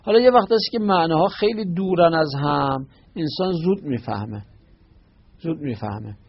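A man's voice: on the high side, lively intonation, husky. A man giving a religious lesson on word meanings. He explains step by step, quoting Arabic phrases and glossing each one, with frequent restarts and self-corrections. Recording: dull, lo-fi recording.

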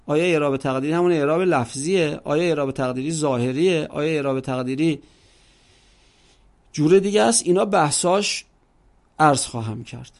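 A man with a voice on the high side teaches an Arabic grammar lesson, explaining patiently, drawing out his words and asking rhetorical questions.

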